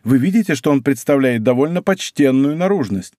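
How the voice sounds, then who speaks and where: A male audiobook reader voicing a tender, fearful young woman in a hushed, worried tone. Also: mid-range voice, lively intonation, fairly quick, no echo, studio quality, lightly acted. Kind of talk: audiobook character reading.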